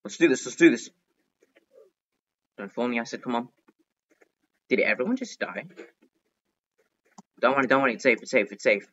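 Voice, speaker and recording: A male gaming host narrates his gameplay excitedly and chattily, talking to himself and repeating short phrases again and again. His voice is mid-pitched at a normal speed, broken by long pauses, and the dull, lo-fi mic adds a little hiss or hum.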